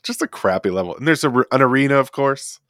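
A man's voice: medium pitch, expressive, fast, a bit bright, no echo, clean studio sound. A man hosting a casual gaming podcast, rambling with many fillers. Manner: rambling, lots of fillers and likes. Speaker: podcast host. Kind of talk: casual chat. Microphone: desk podcast mic.

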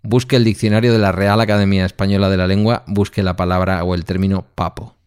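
A man's voice: low-pitched, little pitch movement, quick pace, a little mellow, clean tone, no room sound, clean studio sound. A man the there, telling personal stories in a reflective way as a podcast co-host. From Basque Country, Spain. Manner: reflective anecdotal storyteller. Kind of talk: casual conversation.

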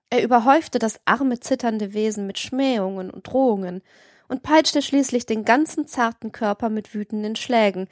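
A woman reading an audiobook in a steady, measured narration. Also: a little high, no echo, clean studio sound. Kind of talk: scripted narration.

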